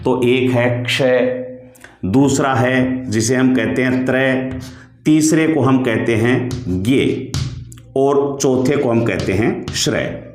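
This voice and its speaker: A man from Rajasthan teaching Hindi grammar for exam preparation, explaining slowly and answering his own questions. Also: medium pitch, reverberant. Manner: slow, deliberate explanation, drawing out sounds, asking and answering his own questions. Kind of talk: exam-prep lesson.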